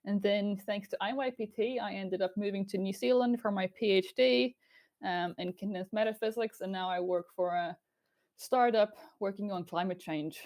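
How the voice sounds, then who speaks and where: A woman's voice: medium pitch, normal speed, darkish tone. A woman chairing an online event in a semi-formal way, speaking over a video call. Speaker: chair and host.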